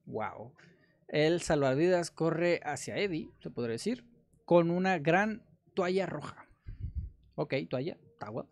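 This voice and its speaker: A man's voice: fairly high pitch, lively intonation, unhurried, dry recording, clean studio sound. Brief: young adult male host, casual jokey translator, chatty with fillers. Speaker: host translating a language-app story. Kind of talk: casual commentary while translating.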